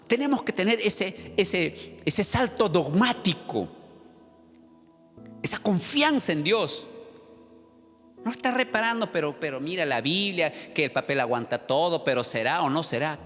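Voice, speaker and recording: Male pastor, sermon, dramatic storytelling, high pitch, long reverb, faint music. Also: a bit bright. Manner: dramatic storytelling, asks the congregation questions.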